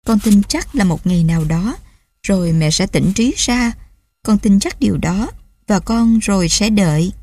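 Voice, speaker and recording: A woman voicing a sad, loving ten-year-old girl in a storybook reading, speaking with gentle pleading. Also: mid-range voice, expressive, moderate pace, breathy edge, dry recording. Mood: tender.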